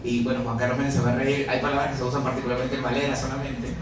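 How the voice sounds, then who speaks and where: Racing along in a mid-range voice with little pitch movement, a Venezuelan writer in his forties presents his book to a café audience. He keeps it conversational and self-mocking, laughing often, with echoey acoustics, a distant mic and background chatter.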